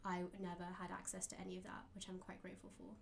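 A woman's voice: fairly low pitch, monotone, racing, vocal fry, slight background noise. A young woman in casual conversation as a guest, reflective and full of "like" and "um". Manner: reflective, many fillers like "like" and "um".

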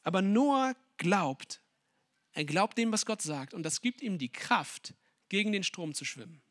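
A man preaching a sermon, speaking emphatically with strong swings in loudness and putting questions straight to his listeners. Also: high-pitched, expressive, unhurried, no room sound, clean studio sound. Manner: addresses listeners directly with questions.

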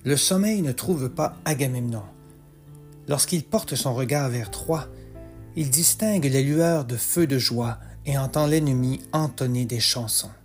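A man narrating a rhymed epic tale in a slow, measured, rhythmic way. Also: mid-range voice. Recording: soft music underneath.

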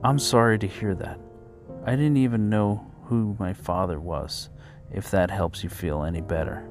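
A man's voice: sits low, fairly even intonation, normal speed, darkish tone. A man voicing a young female nurse who speaks bluntly and frankly, with a dry edge, over faint background music. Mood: matter-of-fact.

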